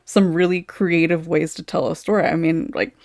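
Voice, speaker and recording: A panelist chatting casually on a podcast call, relaxed and talkative. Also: medium pitch, moderate pace, no echo, clean studio sound. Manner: relaxed, chatty, laughs between thoughts. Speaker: podcast panelist and ASMR writer.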